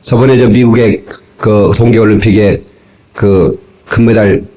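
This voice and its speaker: A male pastor preaching a sermon in an animated way, acting out little dialogues and raising his voice at times, heard from an old cassette tape recording. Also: lowish voice, measured pace, poor audio. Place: church sanctuary.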